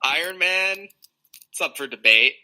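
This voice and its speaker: Male podcast guest, very bright sharp tone, easygoing and agreeable, casual chat. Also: sits high, lively intonation, a little slow, poor audio.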